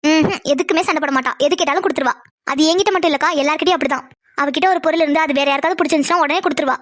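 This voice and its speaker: A woman voicing young female cartoon characters, lively and full of questions. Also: sits high, rapid-fire, no room sound, studio quality. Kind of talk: Tamil cartoon voice acting.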